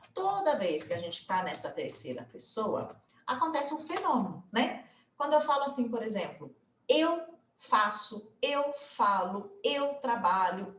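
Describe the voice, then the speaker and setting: A Brazilian woman teaching English grammar in a casual video lesson, chatty and full of little tag questions, slowing down to spell out example phrases. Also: mid-range voice, roomy sound. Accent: Brazilian Portuguese.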